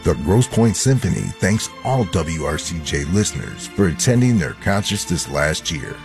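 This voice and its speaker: A man reading scripted station announcements in a smooth, measured way. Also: low-pitched. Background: music.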